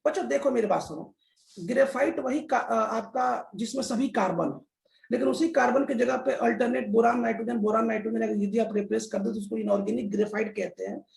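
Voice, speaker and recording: A man's voice: very high-pitched, moderate pace, gravelly. A man teaching a chemistry lesson in a classroom style, repeating key terms and often addressing the children. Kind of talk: classroom lecture. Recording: echoey room.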